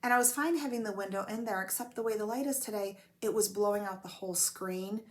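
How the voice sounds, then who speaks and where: A woman's voice: mid-range voice, fast talker. Woman chatting at home about her stitching, rambly, has a cold. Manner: chatty, rambling, self-deprecating. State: coughing from a cold. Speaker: flosstube host. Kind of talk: casual show-and-tell chat. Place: home room with blanketed windows.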